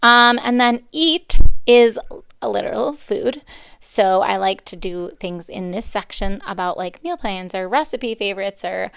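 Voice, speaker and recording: A woman in her thirties hosts her own podcast, chatting loosely and restarting her sentences as she goes. Her voice is smooth but has plenty of gravelly fry. The sound is dry and close. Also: mid-range voice, normal speed, no room sound. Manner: rambling, chatty, self-correcting. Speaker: podcast host. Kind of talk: casual solo podcast talk.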